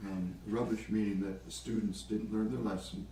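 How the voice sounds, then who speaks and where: A man with a low, mellow voice leads a prayer group, retelling scripture in a relaxed, chatty way with wry asides. He is recorded from a distance in an echoey room with a faint hiss underneath. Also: normal speed. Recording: echoey room, far from mic.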